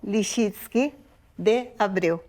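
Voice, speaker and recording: A Polish woman in her eighties speaks slowly in a warm, mid-range voice. As a museum oral-history interviewee, she gives a reflective, unscripted testimony and frequently checks in with tag questions.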